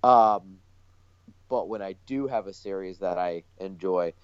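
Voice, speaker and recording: On a dull, lo-fi recording with roomy echo, a man co-hosting a podcast talks casually in tentative, stop-start bursts. His voice is low-pitched, clean and unhurried.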